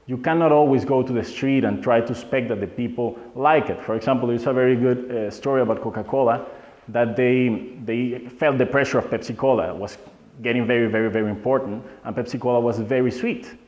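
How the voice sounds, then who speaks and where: A man's voice: mid-range voice, fairly even intonation, a little fast, a little mellow. Man lecturing in a roomy hall. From Venezuela. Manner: loose, non-native phrasing, asks the audience questions. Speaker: workshop speaker. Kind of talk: live workshop lecture. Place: meetup hall. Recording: roomy, muffled hall recording.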